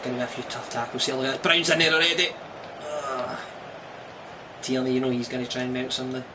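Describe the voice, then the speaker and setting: A man's voice: mid-range voice, completely flat delivery, fast. Broad Scottish man chatting over noisy game stream. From Scotland. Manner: chatty, exclamatory partisan reactions to play. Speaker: gaming streamer. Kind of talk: live football game commentary, casual chat. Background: football video game crowd and commentary.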